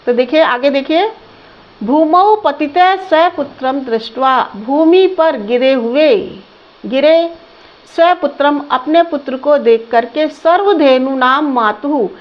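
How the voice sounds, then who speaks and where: Slow high-voiced woman teaching a lesson. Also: muffled recording. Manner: slow, repeats words and asks the class questions. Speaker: Sanskrit teacher. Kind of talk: line-by-line lesson translation.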